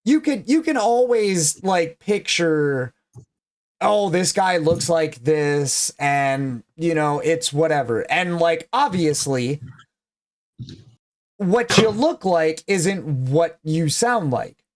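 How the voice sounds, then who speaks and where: A livestream host with a fairly high, animated voice talks slowly. The chat is casual, and he teases his guest bluntly with frequent swearing.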